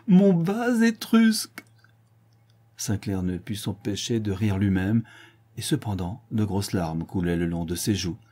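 A man reading a classic novel aloud as audiobook narration, measured and expressive. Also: fairly low pitch, slightly rough. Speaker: audiobook reader. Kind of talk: scripted literary narration.

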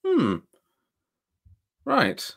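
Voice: mid-range voice, wildly swooping pitch, drawn-out words, vocal fry, a bit bright. Sardonic, sweary streamer with a wildly swinging voice. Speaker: streamer reacting to an old TV show. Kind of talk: casual reaction commentary.

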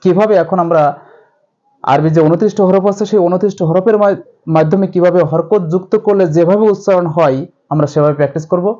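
A man teaching a step-by-step recitation lesson to viewers, drilling syllables slowly with much repetition. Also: high voice, dark tone, highs cut off. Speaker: Quran reading teacher.

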